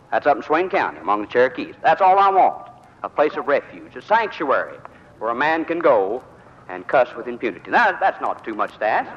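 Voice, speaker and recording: A man's voice: mid-range voice, fairly bright tone. An older man giving a folksy, dramatic floor speech in a legislative chamber, quoting scripture and verse. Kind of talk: folksy oratory. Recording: dull recording in a long-echo chamber.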